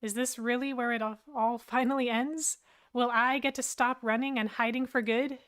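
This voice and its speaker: A woman narrating a story in first person, in a reflective, even-paced way. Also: a little high, moderate pace.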